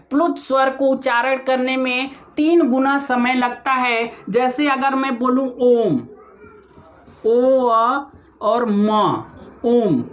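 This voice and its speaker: High-voiced woman teaching a grammar lesson. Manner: repeats key terms, stretches example sounds slowly; keeps addressing viewers as friends. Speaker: online teacher. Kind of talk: exam-prep grammar lesson.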